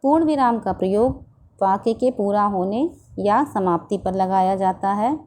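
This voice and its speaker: Woman teacher going through a grammar lesson real slow, explaining each word again in simple terms, warm low-key tone. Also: a little hiss or hum. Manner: slow, deliberate explaining that restates each term in simpler words. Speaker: primary school teacher. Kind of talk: recorded Hindi grammar lesson.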